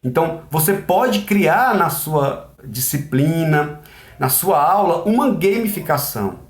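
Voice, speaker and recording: Man, high voice, teacher, casual lecture, rhetorical questions, reverberant room. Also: very animated, measured pace. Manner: conversational, asks and answers his own questions. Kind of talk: recorded class lecture.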